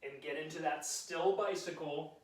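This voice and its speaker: Male fitness instructor, high voice, upbeat and encouraging, calls countdowns, recorded from a distance. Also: steady tone, normal speed. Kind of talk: live workout coaching with countdown cues. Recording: roomy sound, mic at a distance.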